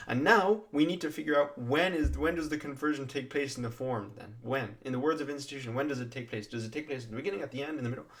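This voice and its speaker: A man's voice: mid-range voice, fast talker, hardly any pauses. A man reading passages from a theology text and explaining them as he goes, thinking aloud, restarting phrases and stressing single words. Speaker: theology commentator.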